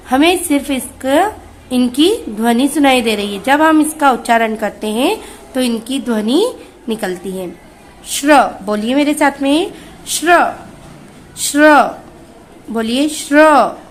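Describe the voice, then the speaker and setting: A woman teaching a kindergarten reading lesson, slowly sounding out letters and having the children repeat after her. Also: high-pitched, rough recording. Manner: slow, drawn-out call-and-repeat drilling. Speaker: school teacher.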